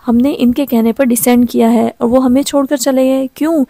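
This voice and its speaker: A woman's voice: high voice, fairly even intonation, normal speed, dark tone, no room sound. A woman reading the lines of a stranded, frightened and short-tempered young woman mountaineer in an audio novel, in a snapping, exasperated way. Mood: tense.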